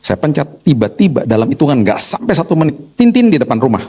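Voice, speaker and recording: Husky guy preaching fast, chatty storytelling sermon. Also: mid-range voice. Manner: storytelling, animated, conversational. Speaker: pastor.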